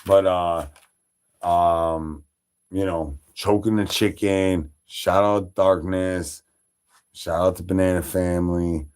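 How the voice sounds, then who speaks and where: A man from Chicago chatting loosely on a livestream, profane and rambling, with plenty of fillers and shout-outs. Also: low-pitched, fairly even intonation, slow, smooth. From Chicago, Illinois. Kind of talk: rambling casual stream chat.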